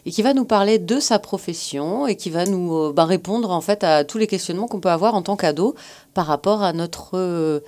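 A woman hosting a radio show for teenagers, chatting with her guest in a friendly way with quick back-channel remarks. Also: on the low side, a little mellow. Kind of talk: radio interview, casual chat.

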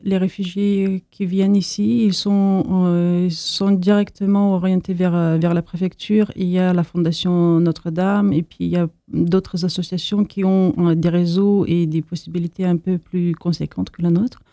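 A woman from Moldova answers interview questions in a halting way, often pausing and restarting. Her voice is very dark and mellow. The recording is dry and close. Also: fairly low pitch, level tone, no room sound. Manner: hesitant, many fillers and restarts. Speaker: association founder.

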